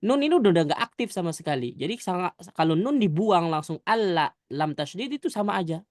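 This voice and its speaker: A man teaching Quran recitation rules, modelling verses slowly and correcting his students. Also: high-pitched, expressive, dry recording, studio quality. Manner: corrective, demonstrates recitation slowly then explains quickly. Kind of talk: recitation lesson.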